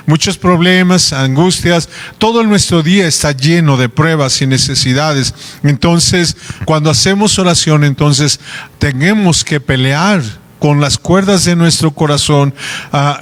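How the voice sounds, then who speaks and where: A male pastor preaching a sermon in a church, lively, acting out repetitive prayers to make his point. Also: a little high, big-room sound.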